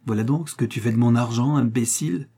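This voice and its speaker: A cold, menacing husband speaks in curt, jerky, hollow bursts, as a male storyteller reads him. The tone is dark and husky, as in a storybook. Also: medium pitch, quick pace. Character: cruel, cold husband, menacing grown man.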